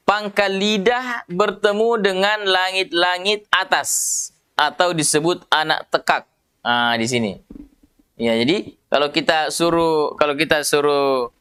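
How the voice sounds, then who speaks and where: A man with an Indonesian accent teaching Quran recitation, pitched fairly high with a smooth, resonant tone. He explains patiently in a conversational way, often restarting his sentences. He stretches out single syllables slowly so that learners can copy them. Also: sharp tone. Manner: patient, repeats syllables slowly to demonstrate pronunciation; many fillers and restarts, conversational. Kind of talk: tajwid lesson.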